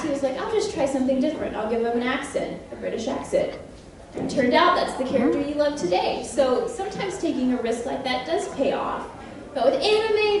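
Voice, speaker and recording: A woman voice actress on a convention panel, chatty and animated, laughing often and quizzing the audience. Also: sits high. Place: large convention panel room. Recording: very echoey hall from a distance.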